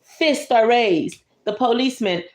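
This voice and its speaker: A woman whose voice sits on the high side reads a picture book to a child with lively intonation and a measured pace, the room reverberating around her. She stops now and then for conversational asides, explaining pictures and chatting with her young listener.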